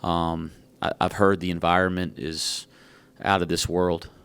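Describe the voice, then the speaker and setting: Low, flat-voiced coach, out of breath. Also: male voice, unhurried, smooth. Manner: frank, rambling, self-joking. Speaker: basketball head coach. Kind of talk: press conference answers. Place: press conference room at a podium.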